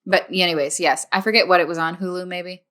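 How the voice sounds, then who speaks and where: A young woman co-hosting a casual podcast, chatty and animated as she tells stories. She teases playfully and jumps between topics with quick energy. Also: fairly low pitch. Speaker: podcast co-host. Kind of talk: casual chat.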